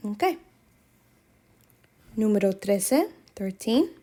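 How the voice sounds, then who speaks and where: A woman's voice: mid-range voice, big pitch swings, takes it slowly, mellow. A woman teaching Spanish, reading quiz questions aloud and patiently repeating instructions to her students.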